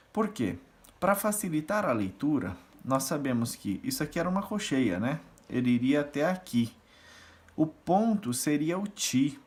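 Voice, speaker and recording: A man teaching rhythm reading and solfège, patiently explaining and counting syllables aloud as he conducts the beat. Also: on the high side. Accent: Brazilian Portuguese. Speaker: music teacher.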